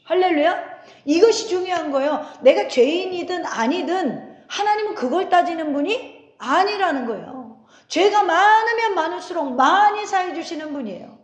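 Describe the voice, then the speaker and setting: A woman pastor in her forties preaches in a high, bright voice, chatting with the congregation and firing questions at them. She slips into stories and laughs along the way. Her voice rings around an echoey church sanctuary. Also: expressive, moderate pace, few pauses. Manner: conversational, asks the congregation questions, tells anecdotes with laughter. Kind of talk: sermon.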